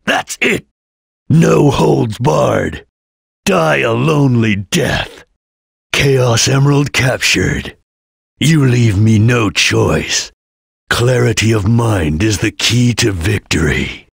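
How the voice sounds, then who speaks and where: Gravelly, solemn ninja chameleon. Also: male voice, medium pitch, animated, slow pace, no echo, studio quality, full character voice. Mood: intense battle cries, then stern, solemn. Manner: solemn, formal, clipped declarations. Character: stern, disciplined male ninja chameleon, solemn and proud. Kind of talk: video game character voice acting.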